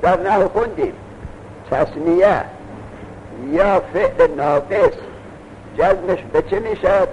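A man's voice: sits high, long pauses, a little mellow. A man teaching a classroom lesson, lecturing with rhetorical questions and reading texts aloud. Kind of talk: classroom lecture on Arabic grammar. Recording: dull lo-fi recording with faint noise.

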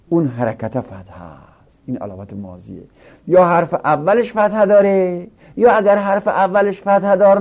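A man teaching a grammar lesson, explaining a text slowly and repeating example words one after another. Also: medium pitch, gravelly. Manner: slow, repetitive, drills example words. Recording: dull lo-fi recording.

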